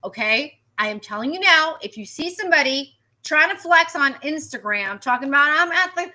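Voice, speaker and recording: A woman meteorologist giving a live weather stream, animated and chatty, repeating herself and reacting to viewer comments. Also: high voice, normal speed.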